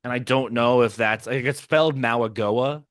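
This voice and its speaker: A man's voice: medium pitch, fairly quick, a bit bright, clear, resonant tone, no room sound, clean studio sound. A man co-hosting a casual podcast, reacting live to a sports draft from a hotel room and thinking aloud. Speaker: podcast co-host.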